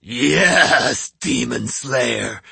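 A huge oni demon, as a man puts him on, growls out threats with a gravelly, rough edge that swings wildly up and down. He gloats and mocks, hungry for a fight, in a close, dry audiobook read. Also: medium pitch, animated, extremely slow, sharp tone, no room sound, exaggerated voice. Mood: mocking. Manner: growling, mocking, bloodthirsty. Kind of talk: audiobook character voice.

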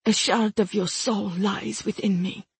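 A woman's voice: mid-range voice, steady tone, unhurried, creaky, husky, exaggerated voice. A woman voicing a wounded, dying male warrior who speaks in a faltering, strained way. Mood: weak. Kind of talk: audiobook character voice.

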